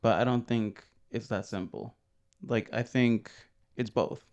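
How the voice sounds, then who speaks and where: A man's voice: medium pitch, fairly even intonation, measured pace, a little mellow, lo-fi sound. A young man co-hosting a podcast, talking in a rambling, hesitant way with many fillers. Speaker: podcast co-host. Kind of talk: casual conversation.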